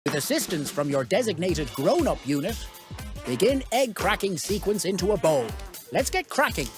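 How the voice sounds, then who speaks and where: A woman's voice: lowish voice, very animated, normal speed, music in the background. A woman voicing a cheerful female robot kitchen helper, giving beeping, computer-style cooking steps in a robot voice for a kids' show. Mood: cheerful robotic. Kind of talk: scripted children's show.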